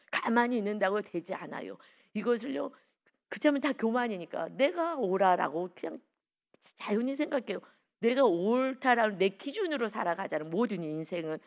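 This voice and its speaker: A woman pastor with a gravelly, medium-pitched voice delivers an early-morning devotional sermon. Her style is conversational, mixing personal stories with questions for the congregation.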